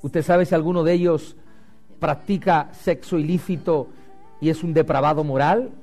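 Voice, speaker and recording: A man preaching a sermon as pastor, swinging loud and rising to low and quiet. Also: fairly even intonation, moderate pace, faint music behind.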